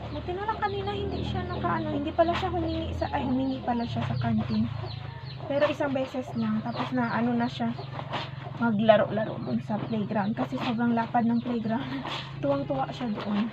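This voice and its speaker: A woman with a high voice and a lingering cough rambles casually through a home vlog as she does the laundry by hand outdoors. She sounds tired, full of fillers and restarts. The recording is dull and lo-fi, and roosters and chickens cluck loudly behind her. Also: a little fast, noisy background. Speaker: mother and vlogger. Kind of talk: casual vlog chat, mixing in English with her child.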